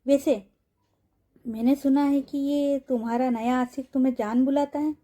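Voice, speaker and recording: A woman voicing an obsessive, possessive young woman who mocks and menaces in a soft, mellow voice. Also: high voice, steady tone, moderate pace, natural voice. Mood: taunting. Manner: mocking, coaxing, menacing.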